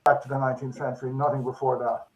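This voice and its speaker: A man chatting as a guest about history, telling anecdotes in a halting way with restarts mid-sentence. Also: medium pitch, flat delivery, crowd noise. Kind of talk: casual conversation, anecdotes. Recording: dull lo-fi sound.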